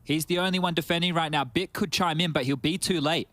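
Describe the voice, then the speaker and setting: A man gives analytical esports caster commentary at a rapid clip. His voice sits at an average pitch, and there is slight noise behind him. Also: steady tone, fairly bright tone.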